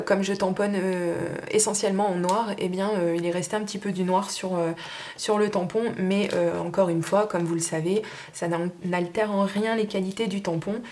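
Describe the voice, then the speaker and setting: A woman's voice: medium pitch, fairly even intonation, moderate pace, a little mellow, a little hiss or hum. A woman casually showing and pricing her craft stamps one by one, talking in a hesitant, chatty way with many fillers. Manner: chatty and informal. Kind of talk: casual show-and-tell sale.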